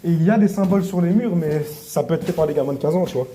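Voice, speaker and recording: A man's voice: fairly high pitch, quick pace, warm tone, a little hiss or hum. A man talking casually as an exploration vlogger and guide, with slangy, crude, informal wording. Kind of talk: casual explorer vlog narration.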